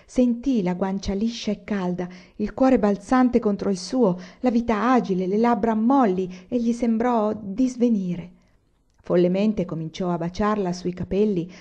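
A woman narrating a literary audiobook in a measured, expressive reading. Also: mid-range voice, highs cut off. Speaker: audiobook reader.

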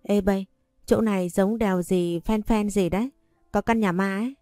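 A woman's voice: mid-range voice, steady tone, normal speed, dark tone, no echo, soft background music, close to an everyday voice. A woman voicing a teasing young female friend in a read-aloud story, casual and joking.

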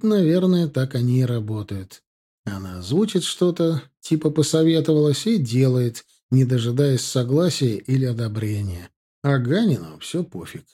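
A man narrating a story as an audiobook reader, measured and even. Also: mid-range voice, slightly rough. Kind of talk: scripted narration.

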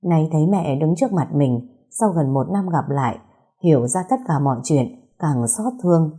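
A woman narrating a first-person story in a steady, somber storytelling manner. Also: low-pitched, moderate pace, husky.

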